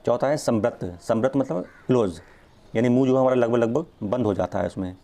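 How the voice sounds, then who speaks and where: A man's voice: medium pitch, a little fast, warm tone. A man teaching an exam-prep grammar lesson, explaining step by step, drawing out the sounds he demonstrates and checking in often.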